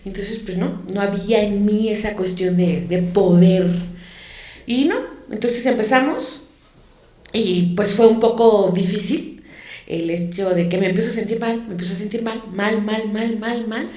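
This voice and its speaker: A woman's voice: mid-range voice, a little slow, mellow. Woman telling an emotional story. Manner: emotional storytelling, repeats words for emphasis. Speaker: guest. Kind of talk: personal testimony in an interview. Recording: echoey room.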